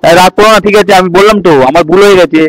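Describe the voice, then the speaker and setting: A man's voice: sits high, fairly even intonation, rapid-fire, no room sound, low-quality recording. A man, pleading and apologizing in a casual home vlog. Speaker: vlogger, husband.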